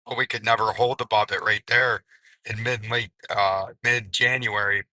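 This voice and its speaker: A man hosting a market commentary video, hoarse and raspy, his strained voice nearly gone. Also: on the low side, little pitch movement, normal speed, bright, forceful tone, dry recording, poor audio. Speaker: crypto video host.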